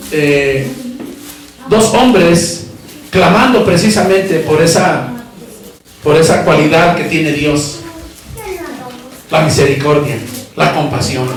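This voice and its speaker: A man with a Mexican accent preaches a fervent sermon, his voice unusually high and calling out questions to the congregation. He is captured from far across a very echoey church hall, so every word rings around the room. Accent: Mexican Spanish. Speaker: pastor.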